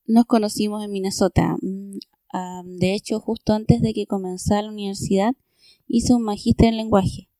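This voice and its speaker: Brief: mellow female interview guest, calm and matter-of-fact, dry close sound. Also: mid-range voice, moderate pace, dry recording. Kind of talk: conversational interview answers.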